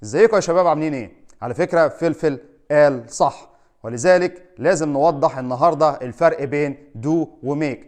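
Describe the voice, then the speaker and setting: An upbeat Egyptian man teaching an English lesson, with an Egyptian Arabic accent and a fairly high voice. He talks in a chatty, encouraging way, and his voice bounces around an echoey room. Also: brisk, a little mellow. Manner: upbeat, chatty teacher who repeats "tamam?". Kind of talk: friendly explainer lesson.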